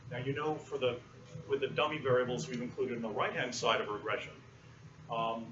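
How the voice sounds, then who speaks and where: A male university lecturer teaching a class in a relaxed, explanatory way, often pausing with fillers. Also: mid-range voice. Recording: roomy, muffled, distant classroom recording with noise.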